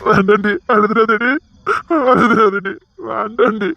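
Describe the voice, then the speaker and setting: Guy doing a soft pleading husband, highish voice, dry close sound. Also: normal speed, no room sound, highs cut off. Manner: tender, pleading consoling. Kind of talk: dubbed serial drama with one voice doing many roles.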